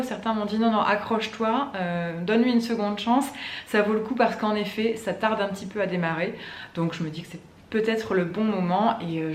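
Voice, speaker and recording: Chatty woman book vlogger, echoey room. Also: mid-range voice. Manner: chatty, many fillers and restarts. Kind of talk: casual chat to camera. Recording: echoey room with faint ambient noise.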